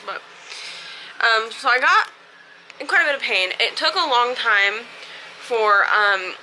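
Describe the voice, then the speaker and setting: This American woman vlogger is at home, recovering from dental surgery with a swollen, sore mouth, and she rambles a little as she talks frankly and casually to camera. Her voice is mid-range with a sharp tone; the rough recording carries slight background noise.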